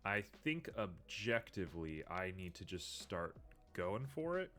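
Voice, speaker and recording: A low-voiced, slightly sniffly man streams himself building a 3D model, giving casual commentary in a sing-song, unhurried way. He thinks aloud, says "um" a lot, and mutters at the software, with faint music in the background.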